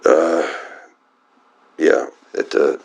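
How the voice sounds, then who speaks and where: A man's voice: very slow, a little hiss or hum. A man reading an old scripture text aloud and breaking off into exasperated, profane, sarcastic asides. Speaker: reader of scripture. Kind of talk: reading aloud with irreverent commentary.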